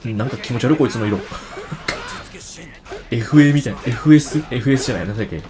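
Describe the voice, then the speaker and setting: With a crowd audible in the background and game music blaring, a mid-range-voiced streamer rattles off rapid-fire let's-play commentary, chatting away, reacting aloud, and talking back to the enemies on screen.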